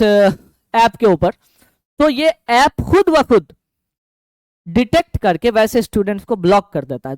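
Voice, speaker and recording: A man with a Bihari Hindi accent teaching English grammar in an online lesson, drilling each form slowly and over again. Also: very high-pitched, dry recording. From Bihar, India. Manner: slow, repetitive drilling with lively rising and falling intonation.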